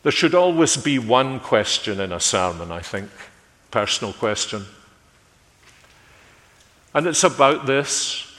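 A man preaching a sermon in a measured way, letting his phrases fall away quietly at their ends. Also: medium pitch, very animated. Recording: long hall reverb.

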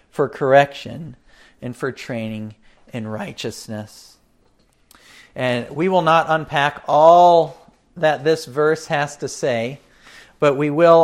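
A pastor giving a catechism teaching talk, unhurried, with frequent fillers and asides to his listeners. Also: on the high side.

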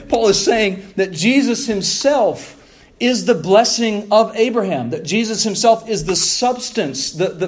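A man preaching into a pulpit microphone. He walks the congregation through scripture passages, reads them aloud, and puts rhetorical questions to his listeners. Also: fairly high pitch. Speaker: pastor. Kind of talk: expository sermon.

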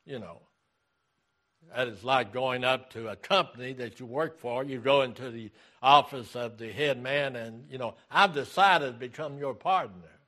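A man preaching a sermon as pastor, reading scripture aloud and repeating key phrases in a deliberate way. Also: medium pitch, bright, forceful tone.

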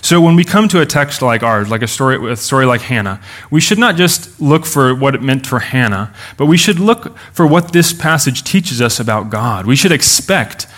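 A man's voice: mid-range voice, animated, fairly bright tone. A male pastor giving a sermon, leading a prayer and explaining scripture in an earnest, teaching manner. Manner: earnest, explanatory, often slowing for emphasis.

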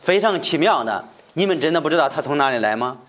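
A healed blind man, bold and indignant, pressing question after question at his accusers in a raised, lifted voice, as a preacher acts him out. His tone climbs high above the speaker's usual talk. He sounds astonished that they cannot see what is plain to him. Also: lively intonation, quick pace, a bit bright. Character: man born blind, now healed, boldly challenging.

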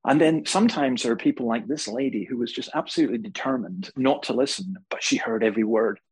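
A man preaching a sermon to a congregation, telling stories with humor and animated emphasis. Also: medium pitch, quick pace, slightly rough, rough recording. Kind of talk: sermon with storytelling. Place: church hall before a live congregation.

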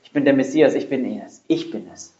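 A man's voice: mid-range voice, fairly even intonation, moderate pace, a little mellow, close to an everyday voice. Man acting out a male king proclaiming his own coming, emphatic and repetitive; roomy lo-fi take. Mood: solemn proclaiming. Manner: emphatic, repeating declarations. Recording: roomy, dull lo-fi sound.

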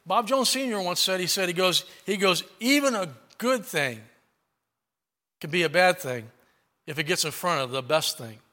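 Middle-aged male preacher, folksy sermon storyteller, bright tone, slightly higher voice. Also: normal speed. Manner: folksy storytelling with scripture reading.

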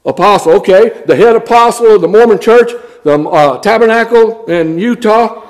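A man's voice: sits high, moderate pace, darkish tone. A man preaching a blunt, scornful sermon and reading scripture aloud in old-fashioned wording.

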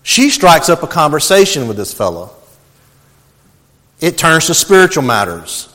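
Pastor guy preaching, kinda high voice, big hall echo, earnest storytelling. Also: sing-song, moderate pace, fairly bright tone. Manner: earnest storytelling, addresses listeners as beloved. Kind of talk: sermon.

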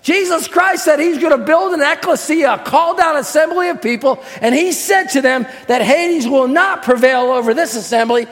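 A man preaching a fervent sermon, swinging between quiet teaching and shouted, drawn-out emphatic lines. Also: extremely high pitch. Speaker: pastor. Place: church sanctuary. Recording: long hall reverb.

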